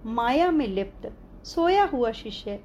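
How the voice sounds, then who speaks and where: Slow, heartfelt woman narrating a memoir. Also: fairly high pitch, slight background noise. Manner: expressive, heartfelt, reflective. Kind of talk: first-person memoir narration.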